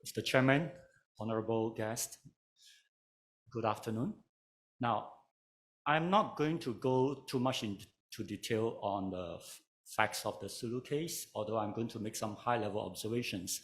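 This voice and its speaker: A man speaks at a conference panel in a somewhat low voice. He walks through his points in a calm, measured way, like someone telling a story. A dry wit runs under his talk. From Malaysia. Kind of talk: conference lecture.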